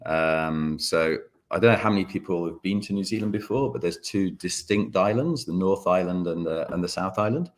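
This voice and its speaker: A man with a very low, deep voice speaks as a guest distiller in a loose, chatty way. He fills his pauses with ums and keeps an easygoing, conversational flow. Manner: relaxed, many ums, chatty. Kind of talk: casual video-call chat.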